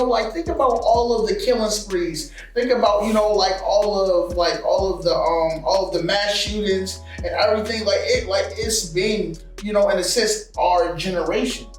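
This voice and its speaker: A man hosting a casual podcast, talking haltingly with many fillers. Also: high-pitched. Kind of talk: casual chat. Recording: echoey room, far from mic, faint music.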